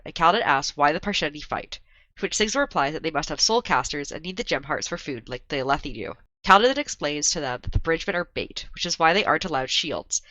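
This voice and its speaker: Low and sharp-toned, a woman hosts a casual book podcast while sick, her voice strained. She reads chapter recaps steadily and laughs often while chatting with her co-hosts, in a low-quality recording with no room sound.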